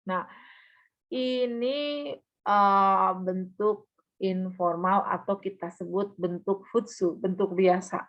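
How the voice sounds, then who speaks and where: A woman's voice: medium pitch, fairly even intonation. A patient woman teacher walks through her lesson, saying each example phrase aloud and stopping now and then to check that the listener is following. Her voice is in the middle of the female range. The recording sounds muffled and lo-fi. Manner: checks understanding with quick asides. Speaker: Japanese language teacher.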